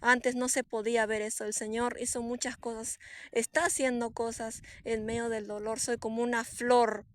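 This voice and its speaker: A woman, a prophetess, giving an earnest, emotional personal testimony, swinging between soft and emphatic and repeating herself for emphasis. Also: fairly high pitch, level tone, moderate pace. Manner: repetitive, with frequent restarts and fillers.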